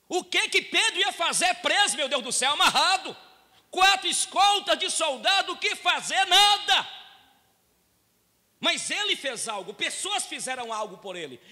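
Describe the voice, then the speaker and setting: Brazilian preacher guy, high bright voice, church echo, goes quiet then yells. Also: big pitch swings, normal speed. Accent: Brazilian Portuguese. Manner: swings from quiet low storytelling to loud shouted appeals. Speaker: pastor. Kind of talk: sermon. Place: church hall with long reverb. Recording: echoey church hall.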